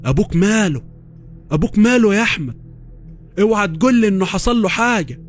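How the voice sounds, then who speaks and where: A man's voice: high-pitched, lively intonation, a little fast, soft background music, pitched above the performer's own voice. A man voicing a weak, tremulous grandfather in his seventies with an Upper Egyptian accent, pleading and full of remorse in an audio horror story. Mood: tearful, shocked. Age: 70s. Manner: emotional, pleading. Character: frail old grandfather, tearful and remorseful.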